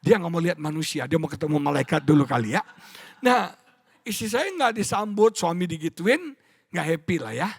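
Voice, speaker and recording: Animated high-voiced man preaching. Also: moderate pace, breathy edge, dry recording. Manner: storytelling, audience call-and-response; wide swings from hushed to loud. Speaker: pastor. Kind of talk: sermon. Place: church stage.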